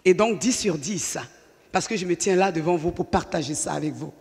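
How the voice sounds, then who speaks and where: Husky-voiced woman in a reverberant hall. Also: on the low side, moderate pace. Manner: animated, acts out the voices of the people in her story. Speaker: speaker giving a personal testimony. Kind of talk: lively storytelling testimony to an audience.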